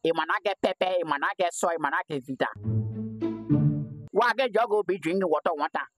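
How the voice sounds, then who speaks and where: A man's voice: high-pitched, fast, over music, close to an everyday voice. A man in his thirties with a Liberian accent playing an aggrieved sick man craving forbidden food, whining and repeating himself in a comedy skit. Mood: craving, vexed. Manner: whining, exclamatory, repetitive. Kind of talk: improvised outdoor comedy skit. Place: outdoors in a grassy yard. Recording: noisy outdoor phone-video sound.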